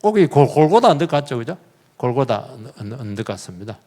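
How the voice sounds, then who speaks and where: Animated male pastor preaching in a reverberant church. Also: mid-range voice, quick pace. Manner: lively, questions the congregation directly; animated storytelling with sudden emphatic bursts. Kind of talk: sermon. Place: church sanctuary. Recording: long reverb of a church hall.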